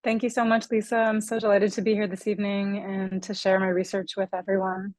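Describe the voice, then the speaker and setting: A woman in her forties walks through her research in an online lecture. She speaks earnestly, pausing on ums and correcting herself mid-phrase. Her voice sits at an ordinary middle pitch, and the sound is dry and close, with no room around it. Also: flat delivery, a little mellow, dry recording. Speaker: author presenting her book. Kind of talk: online book talk lecture.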